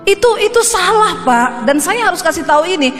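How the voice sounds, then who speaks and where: A woman pastor giving a sermon, telling stories in a lively way and addressing listeners as brothers and sisters. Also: very high voice, fairly quick. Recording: echoey hall with faint music.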